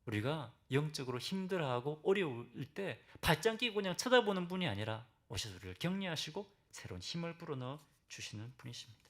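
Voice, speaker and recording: A man's voice: sing-song, fairly quick, few pauses. A middle-aged male senior pastor preaching a sermon in a church, questioning his congregation and acting out biblical pleas in dramatic bursts. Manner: dramatic, acts out Bible figures' pleas with sudden loud high bursts; asks the congregation direct questions. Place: church sanctuary.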